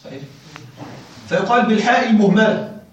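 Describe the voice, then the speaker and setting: High-voiced male teacher, echoey room. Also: animated, recorded from a distance, highs cut off. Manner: checks on listeners with frequent questions; slow and deliberate when spelling out word forms. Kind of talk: classroom lecture on Arabic grammar.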